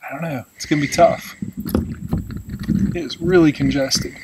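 A man in his thirties, seated in a kayak on a tight, wooded river, thinks aloud in an unhurried way with long pauses. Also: fairly high pitch, lively intonation, gravelly. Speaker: kayak angler. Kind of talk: casual fishing vlog. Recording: outdoor background noise.

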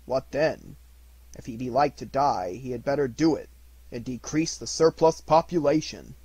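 A man's voice: mid-range voice, darkish tone, breathy edge, dry recording, close to an everyday voice, rough recording. The Ghost, a stern solemn spirit, as a man voices it. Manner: grave, slow rebuking.

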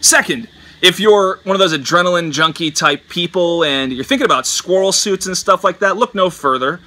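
A man's voice: sits high, moderate pace, sharp tone. A man in his thirties, a marine biologist, vlogging on a bungalow porch in a wry, dryly humorous way, speaking into a camera held at arm's length. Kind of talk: casual travel vlog. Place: outdoor porch of a tropical bungalow.

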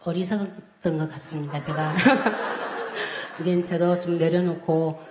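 질문을 마친 한 여성이 쑥스럽게 웃으며 고맙다고 답한다. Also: female voice, low voice, level tone, unhurried. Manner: thankful, laughing, hesitant. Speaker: audience member asking a question. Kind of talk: live Q&A reply. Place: large lecture hall with audience. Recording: echoey hall with audience noise.

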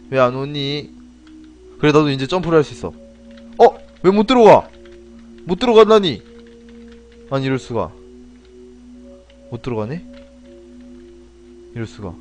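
A man playing an indie game on stream, commenting as he goes, yelping and shouting at tense moments and reading the story lines aloud. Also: mid-range voice. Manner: excitable, yelps and shouts during play. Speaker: gameplay streamer. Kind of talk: let's play commentary with read-aloud dialogue.

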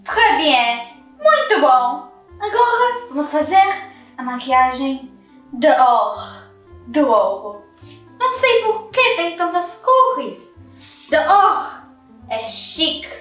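A flamboyant French hairdresser for a children's skit, with a very high, bright, animated voice. She is haughty and theatrical, speaks in a French accent sprinkled with French words, and music plays behind her in an echoey room. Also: slow, pauses often, far from the mic, heavily acted. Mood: fussy, delighted. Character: flamboyant, haughty, scatterbrained French hairdresser woman, easily outraged. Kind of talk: children's pretend-play skit.

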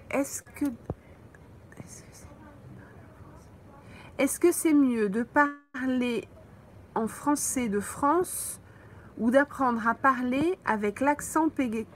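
Slow, patient French teacher woman. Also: high-pitched, a little mellow, slight background noise. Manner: slow, patient, thinks aloud with many fillers. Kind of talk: live stream answering viewer comments. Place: mobile home on holiday.

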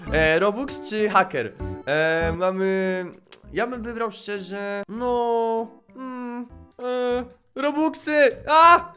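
A young man giving excited gameplay commentary, screaming and laughing while talking to his viewers. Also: sits high. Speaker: gaming YouTuber. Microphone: desk microphone with webcam.

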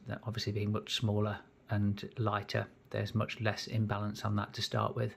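A husky, fairly low-pitched man, a home mechanic rebuilding an engine, gives a hands-on walkthrough at his cluttered home workshop bench. His explanation is methodical and plain, with pauses mid-phrase.

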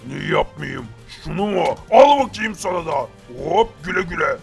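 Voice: medium pitch, animated, normal speed, vocal fry, soft background music. A performer voicing a mocking, boastful ghostly villain in a game story who bows to his master. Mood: mocking menace. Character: menacing ghostly game villain, now servile.

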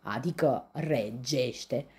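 A woman from Romania reading a children's bedtime story in an expressive, lively way. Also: extremely low pitch.

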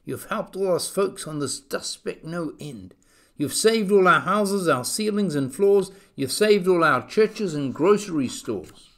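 A man's voice: high voice, lively intonation, a little slow, fairly bright tone, voice pushed up, full character voice. A man voicing a tiny, grateful mayor of minuscule storybook folk, polite and proud, in a piping manner. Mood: warm gratitude. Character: tiny, faint, grateful mayor of a speck-sized people.

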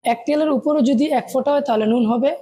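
A woman's voice: sits high, fast talker, dark tone, a little hiss or hum. A woman teaching Arabic letters, patiently calling out each one and asking and answering her own questions. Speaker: Quran reading teacher.

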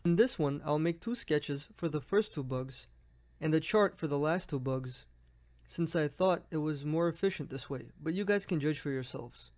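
A man's voice: a little high, normal speed, darkish tone. A young man, friendly and explanatory, narrating a drawing lesson for a medical exam as its host.

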